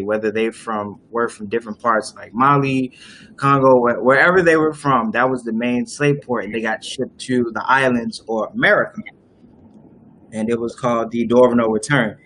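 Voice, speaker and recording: A man's voice: medium pitch, moderate pace, a bit bright, slight background noise. A young man hosting a casual discussion on a live video call, explaining at length with many fillers and restarts. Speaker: host. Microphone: webcam on a video call.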